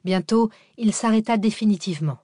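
A woman narrating a thriller audiobook in a steady, measured reading. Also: medium pitch, no echo, clean studio sound.

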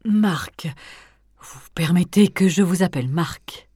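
A woman voicing a cold, menacing elderly aristocratic grandmother in an audiobook, speaking in hushed, often whispered tones that swell into threats. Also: on the low side, slow pace, slightly rough, dry recording, clean studio sound. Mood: probing. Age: older. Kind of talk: audiobook character reading.

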